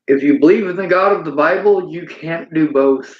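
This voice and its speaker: A man's voice: on the high side, normal speed. Male streamer, preachy monologue, reads chat aloud; dull roomy audio. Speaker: livestreamer. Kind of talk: livestream monologue.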